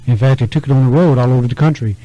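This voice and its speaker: A medium-pitched, mellow-voiced man races through upbeat, informal announcer chatter while hosting an oldies radio show as DJ and interviewer. He uses a close studio broadcast microphone, and the dry audio comes from dull, lo-fi aircheck tape.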